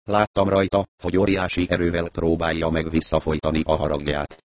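A man narrates a first-person story in a steady storytelling manner. His voice is very deep. The recording is dry and close. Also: no room sound. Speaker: reader.

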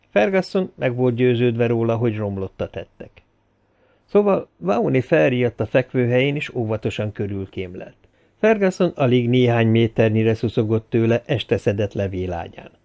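A man narrating a novel as an audiobook in a steady storytelling delivery. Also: mid-range voice, vocal fry, dull audio.

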